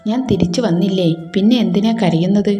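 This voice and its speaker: A possessive young husband in a romance story teases his new wife in a mellow, playful voice, as a woman reads him. The room echoes around the voice. Faint music plays underneath. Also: medium pitch, brisk, lightly acted. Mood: tender. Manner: teasing, playful. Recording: roomy echo, faint music.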